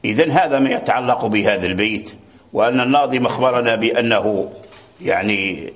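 A man's voice: medium pitch, brisk. A man teaching a lesson on Quran recitation, patiently repeating words and phrases as he explains. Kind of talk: religious lecture.

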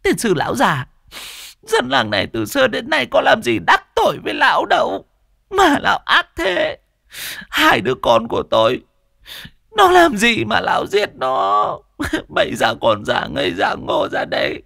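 A man's voice: huge pitch swings, moderate pace, vocal fry, bright, forceful tone, no echo, studio quality, full character voice. Man voicing a shrieking, furious village woman. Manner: shrill, screaming.

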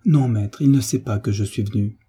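A man voicing a tearful young peasant girl who begs for mercy, in a dark, husky tone. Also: lowish voice, moderate pace. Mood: tearful pleading. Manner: begging, sobbing pleas.

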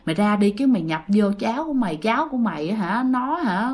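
A woman voicing an older brother gently pleading with a ghost to leave. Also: medium pitch, animated, fast, close to an everyday voice. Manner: soft, pleading.

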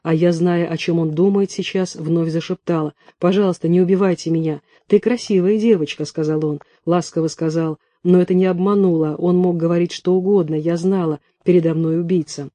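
A man reading first-person fiction aloud in a hushed, tense storytelling manner. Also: fairly high pitch, little pitch movement, a little fast, few pauses, no room sound. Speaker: audiobook reader.

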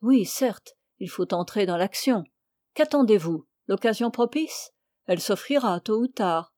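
Pushy middle-aged society lady read by a woman, insistent and probing, mellow tone, dry sound. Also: mid-range voice, lively intonation, unhurried, dry recording, close to an everyday voice.

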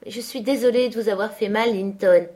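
A woman reading aloud, voicing an earnest, quick-tempered teenage girl with an eager, indignant manner. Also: medium pitch, mellow, lightly acted. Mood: pleading.

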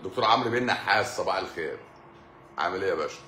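A man's voice: low-pitched, expressive, very fast, pushed and bright, reverberant, slight background noise. A middle-aged man with an Egyptian Arabic accent, a doctor chatting casually with live-stream viewers, telling jokey stories and laughing often. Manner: joking storyteller, laughs often.

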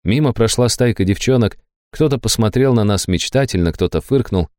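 A man's voice: fairly low pitch, expressive, fairly quick, a little mellow, no echo. Wry male audiobook narrator, dry sound. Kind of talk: first-person audiobook narration.

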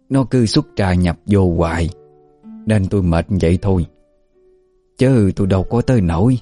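A man's voice: low-pitched, dark tone. A man voicing a teasing, shrewd old village wife, with faint music behind.

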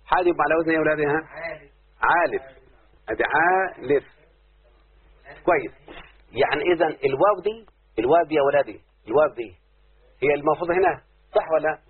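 A man's voice: a little high, expressive, quick pace, long pauses, slightly rough. A man with an Egyptian Arabic accent teaching a classroom lesson on word forms, constantly quizzing his students with repeated questions. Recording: tinny phone-like lo-fi recording.

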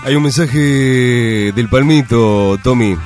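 A man's voice: medium pitch, slow, over loud music. A man with an Argentine Rioplatense accent hosting a radio show, chatting casually and joking with his producer. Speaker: radio host. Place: radio studio.

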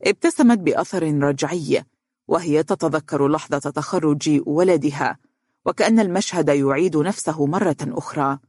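Steady storyteller reading in Arabic. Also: medium pitch, husky, no echo, studio quality. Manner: steady, measured narration. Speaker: narrator.

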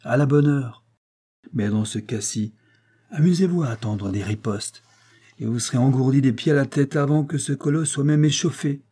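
A man's voice: mid-range voice, moderate pace, warm tone, slightly rough, pitched above the performer's own voice, lightly acted. A man reading aloud, voicing an intense young Venetian swordsman who barks commands in a fight and turns distraught. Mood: urgent, commanding. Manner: urgent commanding fencing coach, later distraught.

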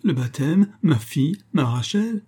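Old man figure, nasal, whining, shrewd, dark-toned, voiced by a male reader. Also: on the low side, normal speed, slightly rough. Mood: distraught.

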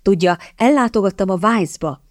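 A woman reading the part of an eager young gentleman in an audiobook, his lines bursting with excitement. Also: medium pitch, no room sound, studio quality, lightly acted. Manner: breathless, enthusiastic exclamations.

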